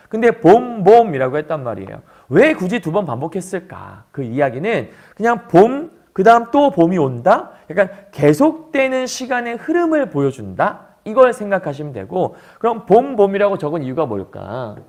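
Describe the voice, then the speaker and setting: A male literature teacher lecturing, animated and often asking questions to the class. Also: sits high.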